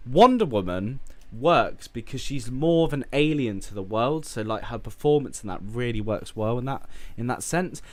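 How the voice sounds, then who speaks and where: A man's voice: mid-range voice, lively intonation, normal speed, no room sound. A hungover man from the UK, streaming casual film commentary, blunt and profane as he rambles through his rankings. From United Kingdom.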